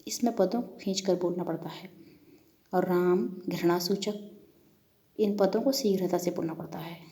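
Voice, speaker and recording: A woman's voice: medium pitch, dark tone. A woman professor giving a lecture on Hindi phonology, explaining terms and reading example word pairs with careful stress.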